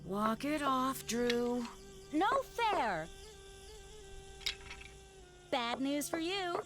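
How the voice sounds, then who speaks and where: A woman voicing a sharp-tongued game character who taunts the player with short quips. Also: high-pitched, animated, very slow, music in the background, full character voice. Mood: taunting. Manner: teasing, mocking quips. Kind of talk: game voice clips.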